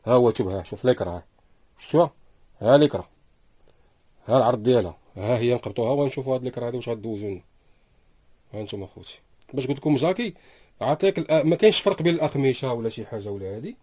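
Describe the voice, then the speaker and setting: Rapid-fire husky Moroccan man. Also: mid-range voice, expressive, dark tone. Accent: Moroccan Arabic. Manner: talks while sewing, repeats "here you go brothers". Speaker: sewing machine seller demonstrating a machine. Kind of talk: casual product demonstration. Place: sewing workshop. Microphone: phone camera held close while working.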